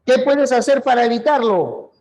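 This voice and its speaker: Speaking with an extremely high pitch and a darkish tone, a middle-aged Peruvian man leads an online language class at a moderate pace. He keeps things conversational, raising questions only to answer them himself.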